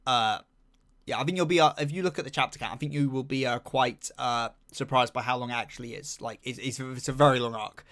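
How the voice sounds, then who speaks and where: A man's voice: mid-range voice, fairly quick, a bit bright. A young man chatting casually on a live stream, reading chat and rambling with lots of fillers while humming to himself.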